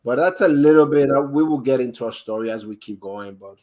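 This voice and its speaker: A man from the Dominican Republic, a guest on a live interview, telling his own story in a halting way with many restarts and fillers. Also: medium pitch, a little mellow, rough recording. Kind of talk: candid personal storytelling.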